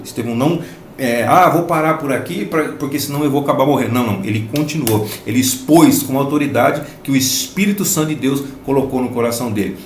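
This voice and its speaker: A man from Brazil leads a Bible study lesson with an emphatic, explanatory delivery. His voice sits at a middle pitch and he often repeats phrases for stress. The room sounds echoey, with faint noise underneath. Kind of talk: Sunday school lesson commentary.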